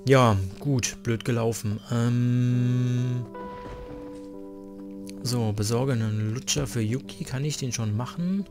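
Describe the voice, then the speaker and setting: Man, gameplay commentary, chatty, filler-heavy, gravelly, game music underneath. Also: mid-range voice, slow pace, pauses often. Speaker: let's play host.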